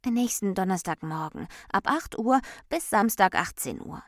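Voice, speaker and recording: A woman's voice: medium pitch, big pitch swings, a little slow, dry recording, clean studio sound. A woman voicing a fussy, tidy female personification of Order in a storybook, speaking shrilly and indignantly. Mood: bossy.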